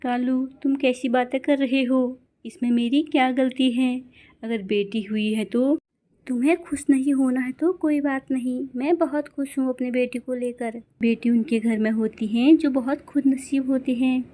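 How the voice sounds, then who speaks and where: A woman's voice: sits high, steady tone, moderate pace, mellow, natural voice. A woman voicing Gori, a loving mother bird who is upset and tearful. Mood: defiant. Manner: tearful, pleading.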